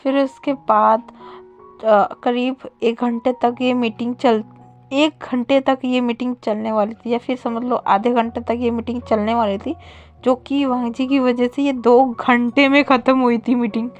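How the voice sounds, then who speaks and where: High-voiced woman casually retelling a story. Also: little pitch movement, unhurried, lo-fi sound, soft background music. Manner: chatty, with fillers and self-corrections.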